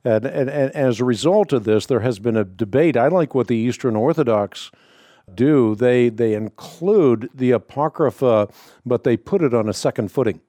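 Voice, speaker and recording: This Dutch radio host, a native speaker from the Netherlands with no accent, takes calls and answers Bible questions in a measured, explanatory manner. He has a mid-range, warm voice captured in a dry recording.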